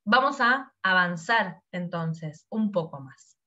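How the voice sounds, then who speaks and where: A woman's voice: lowish voice, lively intonation, slow, bright, forceful tone, muffled recording. A woman, teaching a lesson and explaining slides, who acts out her examples with a changing tone.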